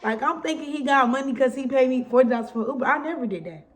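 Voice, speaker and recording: A young woman talks straight to her viewers in a casual storytime vlog. Her voice sits a little high, and she talks bluntly and chattily. She recorded it at home. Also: fast. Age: young adult. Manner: chatty, blunt, frequent "like" and "y'all". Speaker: vlogger. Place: home, with a baby nearby.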